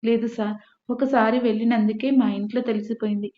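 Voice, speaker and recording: A woman's voice: fairly high pitch, steady tone, fairly quick, close to an everyday voice. A woman reading the part of a polite, hesitant college student. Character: cautious female college student friend. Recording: echoey room, dull lo-fi.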